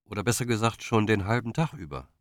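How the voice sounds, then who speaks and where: Man as unsure young man in love, hesitant, earnest, deep, storybook. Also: animated, quick pace, no room sound, clean studio sound, lightly acted. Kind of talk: audiobook character voice.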